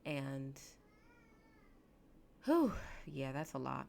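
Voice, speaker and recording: A woman in her late twenties, a therapist hosting her podcast, reflecting slowly and emotionally with halting restarts. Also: very deep voice, big pitch swings, gravelly, darkish tone. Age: late 20s. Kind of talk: reflective solo podcast talk.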